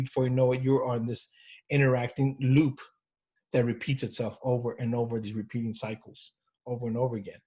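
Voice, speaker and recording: A man with a husky, slightly breathy voice teaches a counseling class in an informal, conversational way. He often checks in with his students and restarts his sentences as he thinks aloud. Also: medium pitch, a little mellow. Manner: informal, with frequent restarts and fillers. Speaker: counseling instructor. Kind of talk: classroom lecture.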